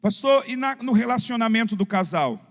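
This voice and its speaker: A Brazilian pastor delivers a fervent sermon and keeps calling for an "amém?" from the congregation. His voice sits high for a man. The long reverb of a church sanctuary trails after each phrase. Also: lively intonation, normal speed. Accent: Brazilian Portuguese. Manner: fervent preaching with "amém?" call-and-response.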